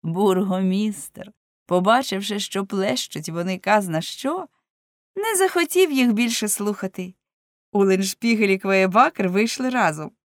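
A woman reading a folk tale aloud as narrator, in an expressive, animated way. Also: mid-range voice, measured pace, no room sound, studio quality. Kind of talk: storybook reading.

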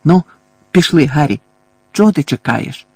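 A man reading an audiobook voices a shrill, furious old woman, a bossy neighbour who shrieks and scolds. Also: expressive, normal speed, creaky, a little mellow, slightly rough, no room sound, heavily acted. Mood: scolding.

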